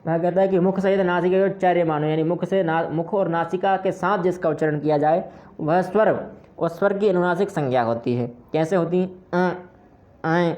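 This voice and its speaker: A man's voice: high-pitched, fairly quick, a little mellow. A man teaching a grammar lesson, explaining step by step in a patient way and drawing out vowel sounds to demonstrate them. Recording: dull, muffled lo-fi recording.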